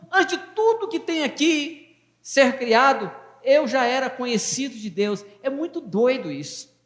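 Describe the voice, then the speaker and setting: A man's voice: very high voice, fairly bright tone. A man in his fifties from Brazil, a pastor preaching a fervent, folksy sermon and joking with his congregation. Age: 50s. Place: church hall. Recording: echoey church hall with long reverb.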